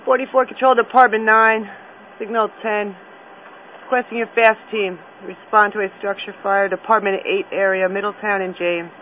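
A man's voice: sits high, level tone, moderate pace. A man working as an emergency dispatcher, giving clipped, formal fire radio announcements and repeating each call. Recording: tinny, static-laden two-way radio.

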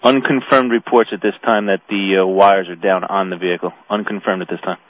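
Low-voiced male dispatcher on tinny radio. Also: steady tone, brisk. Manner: procedural, repeats messages back. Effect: two-way radio. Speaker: fire dispatcher. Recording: tinny, narrow radio channel with hiss.

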